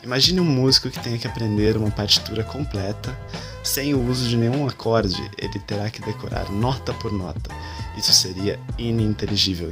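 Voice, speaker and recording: A man with a fairly low voice delivering a scripted, persuasive pitch for lessons. Faint music runs underneath him throughout. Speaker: English teacher. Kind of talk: promotional pitch and explanation.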